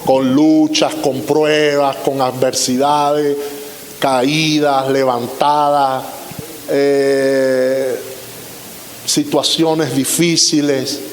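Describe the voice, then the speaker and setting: This man in his fifties is a pastor preaching a sermon full of emphatic, repeated lists, speaking extremely slowly in a level, medium-pitched voice. The church sanctuary gives the audio a roomy hall reverb, and there's faint hiss.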